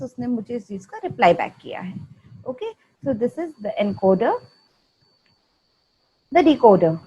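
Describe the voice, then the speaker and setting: A woman's voice: high voice, a little mellow, muffled recording. A woman with an Indian accent giving an explanatory lecture, mixing in English terms and often checking in with "right?".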